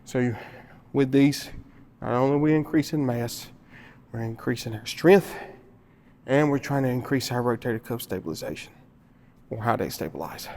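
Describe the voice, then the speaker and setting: A man talks through his shoulder workout in a gym, slightly winded from a cold. He repeats himself to drive points home, in an ordinary mid-pitched voice picked up by the camera mic. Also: normal speed, darkish tone, a little hiss or hum. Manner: explains with repetition, grunting effort between sets. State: out of breath. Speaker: fitness vlogger. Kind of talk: casual gym explanation.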